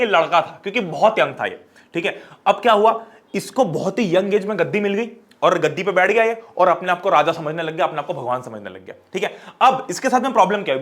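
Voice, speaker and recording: A man in his twenties teaching an online class lecture, energetic and chatty, talking straight to his students. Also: high voice. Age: 20s.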